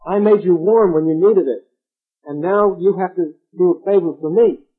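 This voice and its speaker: A poor, earnest young girl, as a man puts her on in a fairy tale read aloud, begging for help in a slightly raised, husky voice. The recording is narrow and tinny, like a phone call. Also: high voice, normal speed, pitched above the performer's own voice. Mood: pleading. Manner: pleading, earnest.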